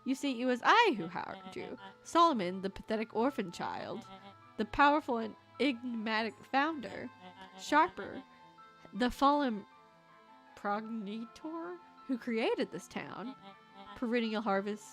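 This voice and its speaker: Casting: woman playing grandiose young game villain, male, high-pitched, taunting, theatrical monologue delivery, music underneath. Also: lively intonation, unhurried, fairly bright tone. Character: pompous, condescending male villain in a child's body, monologuing. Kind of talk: character voice read for a video game.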